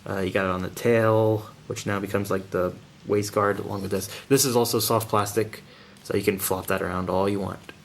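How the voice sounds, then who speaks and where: Male toy reviewer, slightly deep voice, relaxed hands-on delivery, slangy and keen. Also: moderate pace, a little hiss or hum. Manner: informal, slangy, enthusiastic. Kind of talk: casual hands-on video review.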